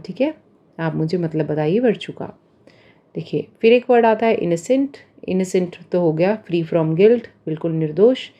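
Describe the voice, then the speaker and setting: A woman teaching exam vocabulary in a patient lecture, explaining words slowly and asking her students questions. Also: medium pitch, dark tone, muffled recording.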